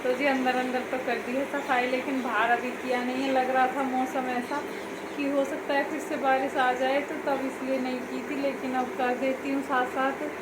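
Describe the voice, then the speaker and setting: A woman's voice: sits high, little pitch movement, moderate pace, very noisy. A young woman casually chatting to viewers as a vlogging mother, explaining her housework around the house and courtyard. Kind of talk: casual home vlog chat.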